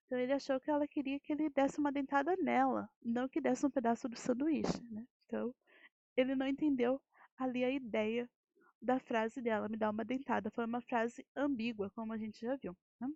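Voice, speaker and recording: A woman's voice: fairly high pitch, fairly even intonation, brisk, vocal fry, a little mellow, dry recording. A Brazilian Portuguese-speaking woman teacher explaining a grammar lesson, asking rhetorical questions and often checking with "né". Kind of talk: recorded classroom lesson. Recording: dull lo-fi dry audio.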